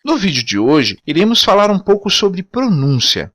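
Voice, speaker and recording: Brazilian portuguese guy teaching pronunciation, says each word twice, slightly high voice, lively tone. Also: dry recording, clean studio sound. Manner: says each example word twice slowly, then its meaning. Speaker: language teacher. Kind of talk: pronunciation lesson.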